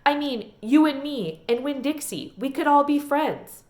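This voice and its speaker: A woman's voice: high voice, animated, a little slow, a little mellow, echoey room, voice pushed up. A woman voicing a lonely, friendly young girl from a storybook, curious and eager with her questions. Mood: hopeful, friendly.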